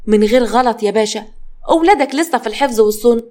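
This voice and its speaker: A woman's voice: fairly high pitch, rapid-fire, darkish tone, natural voice. A woman with an Egyptian accent voicing a mocking male gangster who threatens over the phone. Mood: taunting. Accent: Egyptian Arabic.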